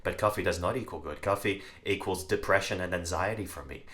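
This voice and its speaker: A man's voice: low voice, fairly quick, bright, forceful tone. A young man co-hosting a podcast, talking animatedly and addressing viewers directly. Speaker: podcast co-host. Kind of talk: casual discussion.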